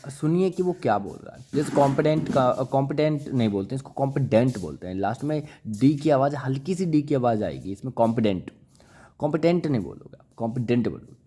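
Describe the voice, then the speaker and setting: A man's voice: medium pitch, big pitch swings, fast talker, few pauses, dark tone, slightly rough. A male teacher giving a classroom lecture. He repeats each word and quizzes his listeners with questions, coaxing them along and calling them brother and child. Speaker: English vocabulary teacher.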